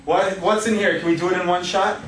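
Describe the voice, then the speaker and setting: Teaching an algebra class, this high-voiced man keeps a steady tone and a brisk pace while joking and laughing as he quizzes students. Music plays in the background of the echoey, noisy room, and the mic sits far off.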